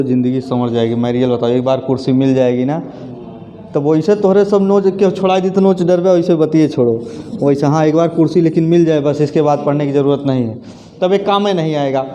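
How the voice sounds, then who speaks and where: A man's voice: on the high side, normal speed, mellow, muffled recording, slight background noise. A male teacher, leading a classroom grammar lesson, asking questions, then repeating the answers aloud. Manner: calls students friends and sister, asks and repeats answers.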